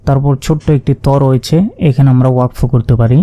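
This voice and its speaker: A man teaching word-by-word Quran reading, spelling out each letter and vowel mark before slowly joining them into the recited word. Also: mid-range voice, steady tone, dark tone, highs cut off. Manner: slow, drawn-out recitation of joined words.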